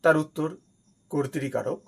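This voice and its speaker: A man's voice: a little high, steady tone, moderate pace, vocal fry, rough recording. A man teaching a grammar lesson, who explains each step patiently, repeats key terms, and asks questions that he answers himself.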